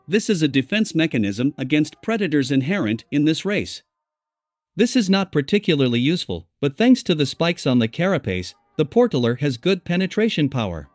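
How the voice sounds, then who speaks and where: A man reading a first-person fanfiction story as an audiobook, in a steady, even-paced manner. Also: a little high, dry recording, studio quality. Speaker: audiobook narrator.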